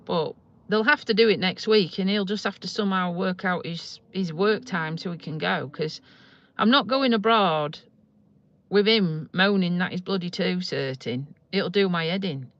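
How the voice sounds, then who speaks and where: This vlogger from Lincolnshire, England, talks to her live-stream audience from a parked car in a slight Yorkshire accent, rambling along in a chatty, self-mocking way. She speaks at a moderate pace in a lowish voice, and the audio sounds dull.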